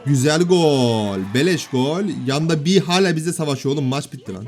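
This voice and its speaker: A man in his thirties at home giving casual gameplay commentary, bantering and often shouting at his kids. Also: a little high, normal speed, soft background music. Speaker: gaming YouTuber and father. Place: home room.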